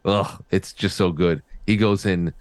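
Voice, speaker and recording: A man hosting a casual chat, rambling with halting restarts. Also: low-pitched, fairly even intonation, no room sound. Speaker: host.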